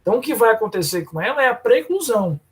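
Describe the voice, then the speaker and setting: Law prof guy lecturing, kinda husky voice, keeps calling on students by name. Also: very high voice, big pitch swings, fast. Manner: addresses students by name, explanatory. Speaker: law professor. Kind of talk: live online lecture.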